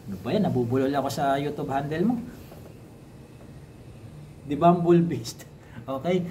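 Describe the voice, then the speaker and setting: A man from the Philippines who runs a poultry farm, answering a viewer's question in a casual, chatty way, often tagging on quick questions and correcting himself. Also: fairly high pitch, a little mellow, slight background noise, low-quality recording. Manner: chatty, with frequent tag questions and self-corrections. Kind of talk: casual explanatory talk in mixed Tagalog and English.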